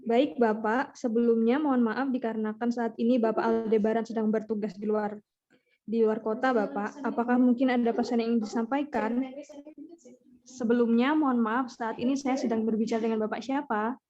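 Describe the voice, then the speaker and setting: A woman's voice: fairly high pitch, little pitch movement, moderate pace, warm tone, close to an everyday voice. A woman playing a polite, formal company secretary who takes a phone call in a courteous, scripted role-play. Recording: muffled, lo-fi video call.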